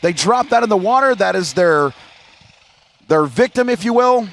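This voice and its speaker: High-pitched American man, airshow commentator. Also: animated, moderate pace, gravelly, no room sound. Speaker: airshow announcer. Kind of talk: airshow commentary addressed to a crowd.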